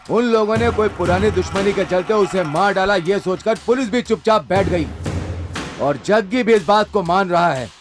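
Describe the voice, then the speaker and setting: A man dubbing a measured, reasoning gang member in a Hindi-dubbed action film. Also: high voice, close to an everyday voice. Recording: dubbed dialogue over loud film score.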